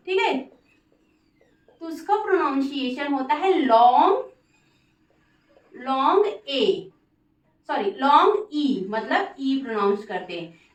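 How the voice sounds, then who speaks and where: A woman with a high-pitched voice leads a phonics lesson, spelling words letter by letter and pausing to check understanding. She sits a little back from the mic, and the room gives her voice a noticeable echo. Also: a bit bright, distant mic. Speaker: English teacher. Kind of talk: Hindi-language English phonics lesson.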